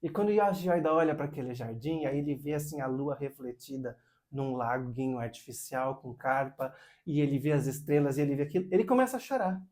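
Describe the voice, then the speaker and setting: A man hosting his own video, telling a story in a casual, animated monologue. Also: brisk, hardly any pauses. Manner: animated, with many pitch swings and acted quotes. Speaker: video host.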